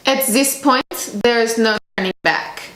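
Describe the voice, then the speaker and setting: Woman playing solemn female seance medium, high voice, grave portentous delivery, student horror drama, echoey room. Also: a little slow, a bit bright. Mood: solemn, ominous. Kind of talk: scripted student film drama. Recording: echoey room with background noise.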